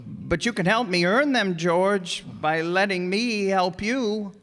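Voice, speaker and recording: A man playing a gentle, guileless elderly guardian angel in a radio drama, courtly and fussy in an old-fashioned way. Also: high-pitched, slow pace. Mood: earnest, gentle. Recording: echoey stage hall, long reverb.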